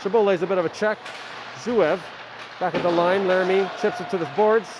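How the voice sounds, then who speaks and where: A middle-aged man doing amateur live play-by-play of a hockey game at an ice rink, rattling off the action and dropping in relaxed, chatty asides. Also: high-pitched, fairly quick, noisy background. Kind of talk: amateur live sports commentary.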